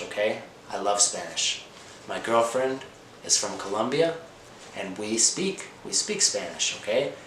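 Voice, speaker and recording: A man from Indiana teaches language learners in a slow comprehensible-input lesson, repeating simple phrases, asking "okay?" often and sometimes switching between English and Spanish. His voice is fairly low and a bit bright. He's a language teacher and channel host, recorded in an echoey room with noticeable background noise.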